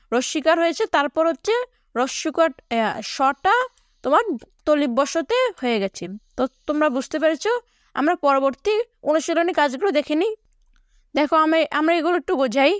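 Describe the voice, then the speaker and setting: High-voiced woman teaching a lesson. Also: no echo, studio quality. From Bangladesh. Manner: explains slowly, repeating words and addressing students. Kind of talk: online lesson for schoolchildren.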